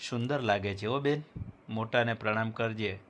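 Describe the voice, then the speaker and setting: A man's voice: on the low side, moderate pace, slight background noise, natural voice. A man voicing a loving middle-aged mother who speaks tenderly to her daughter. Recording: loud background music.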